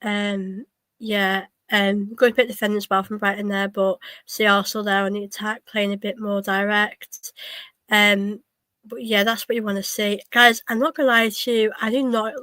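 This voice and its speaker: Coughing from a cold, a young woman hosts a fan watchalong and gives casual live commentary on the match, chatty but hesitant, with lots of ums and restarts. Her mid-range voice has a level, sharp tone and a moderate pace, with no echo.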